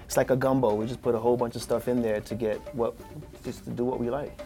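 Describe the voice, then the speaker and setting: A man's voice: medium pitch, little pitch movement, fast talker, mellow. A man from Brooklyn, a band drummer, talking easily about his music in a casual interview. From Brooklyn, New York. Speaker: band member, djembe player.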